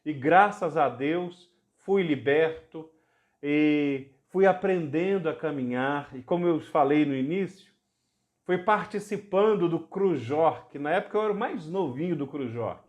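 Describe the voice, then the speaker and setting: Middle-aged brazilian bishop telling his story, earnest and fervent, voice sits a bit high. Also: expressive, unhurried. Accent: Brazilian Portuguese. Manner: earnest, grows fervent when recounting miracles. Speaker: bishop, guest. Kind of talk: personal testimony in a church podcast.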